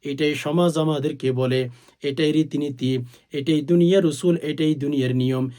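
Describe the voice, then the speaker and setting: A man preaching a sermon, talking straight to his listeners as friends, swelling to loud, drawn-out stresses and chanting short Arabic phrases slowly. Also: on the high side, fairly even intonation. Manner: swells to loud, drawn-out emphasis on key words; addresses listeners directly as friends.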